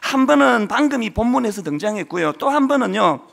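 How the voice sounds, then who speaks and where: Man, pastor, sermon, gravelly voice, earnest, emotional, rhetorical questions. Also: sits high, very animated, fairly quick, fairly bright tone.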